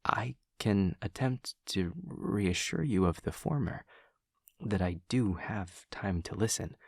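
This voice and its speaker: Earnest and caring in mood, a man acts the part of an awkward, literal-minded young demon who is the listener's classmate and friend. The intimate roleplay is heavily acted and dry, with his low, husky voice miked closely. He over-explains in formal, exact language, pausing as he goes.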